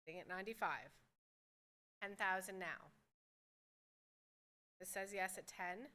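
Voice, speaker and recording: A woman's voice: mid-range voice, unhurried, bright, forceful tone. A woman working as a fine art auctioneer, calling bids at a live sale in a formal, courteous way and repeating the figures.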